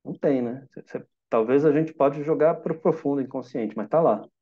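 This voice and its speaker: A man with a Brazilian Portuguese accent giving a calm, reflective meditation talk, teaching through simple examples and questions to listeners. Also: mid-range voice, normal speed, muffled recording.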